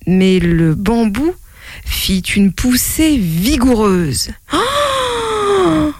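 Slow, expressive woman storyteller. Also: medium pitch, no room sound. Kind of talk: reading a children's tale aloud.

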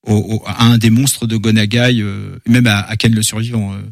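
A man's voice: fairly low pitch, little pitch movement, normal speed, gravelly, dry recording, studio quality. A man, a comic book author, chatting casually in an interview with lots of fillers and repeated words.

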